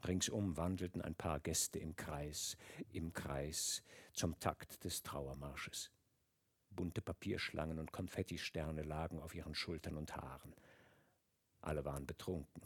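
A man reading a novel aloud in an expressive, dramatic narration. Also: extremely low pitch, a little slow, breathy edge. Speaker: audiobook reader. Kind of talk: literary audiobook narration.

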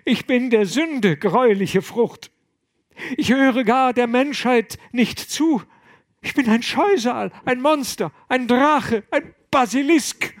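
A man voicing a distraught young man who sobs and reproaches himself in a high, loud lament. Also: expressive, measured pace, heavily acted. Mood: despairing. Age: young adult. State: sobbing.

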